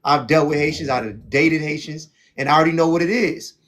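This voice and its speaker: Hosting a fiery streamed debate, this man from South Florida preaches emphatically and keeps saying "see what I'm saying." He sounds somewhat high, brisk, and a bit bright.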